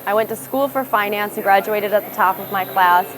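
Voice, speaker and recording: A young woman, a rapper with a heavy Midwestern American accent, talks candidly and reflectively in a documentary interview, often restarting her words to correct herself. Her mid-range voice moves fairly quickly. The low-quality recording has crowd noise and noticeable background sound.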